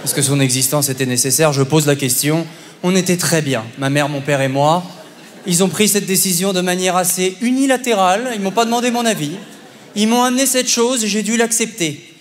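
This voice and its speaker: Young male stand-up, high voice, big hall. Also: normal speed. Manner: punchy, conversational, often checks in with "ok?". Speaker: stand-up comedian. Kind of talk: stand-up comedy. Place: theatre stage at a comedy festival. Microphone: stage microphone. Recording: long hall reverb, live audience. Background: audience laughter and applause.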